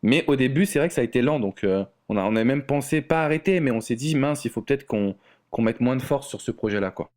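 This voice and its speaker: A man's voice: medium pitch, expressive, fast, darkish tone. A man from France, a relationship coach, talking casually as a podcast guest, with many fillers and restarts. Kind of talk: casual podcast interview talk.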